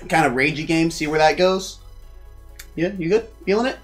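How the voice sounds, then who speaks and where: A man's voice: on the high side, moderate pace. A man co-hosts a loose, rambling channel update, teasing his co-host with a joking edge. He sounds like he is on a phone or laptop mic, with faint music under him. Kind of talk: casual channel update chat.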